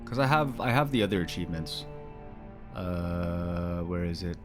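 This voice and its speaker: A man's voice: low-pitched, expressive, moderate pace. A man giving casual commentary as he plays a game, muttering to himself with playful asides. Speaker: gamer doing a playthrough. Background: game music.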